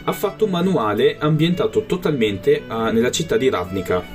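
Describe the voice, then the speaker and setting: A man's voice: medium pitch, very animated, normal speed, darkish tone, faint music behind. A man answering interview questions casually as a role-playing gamer, hesitating as he searches for words. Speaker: interviewed tabletop role-playing player and game master.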